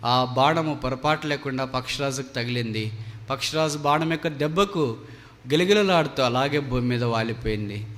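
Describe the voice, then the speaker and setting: A man's voice: medium pitch, a bit bright. A man preaching a sermon, telling a story in an earnest, dramatic manner in a large meeting hall. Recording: long hall reverb.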